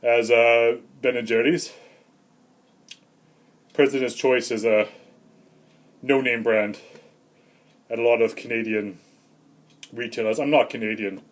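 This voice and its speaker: A man playing a rambling, grumpy old Santa Claus in a comedic vlog monologue, with deadpan, self-important asides. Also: medium pitch, unhurried, long pauses, lightly acted. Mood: grumbling. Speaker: comedy vlogger.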